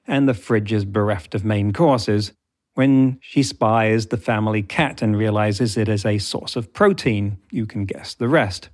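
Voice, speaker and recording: A man's voice: medium pitch, darkish tone. A man hosting a podcast, reading scripted narration with a wry, dry humour. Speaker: podcast host.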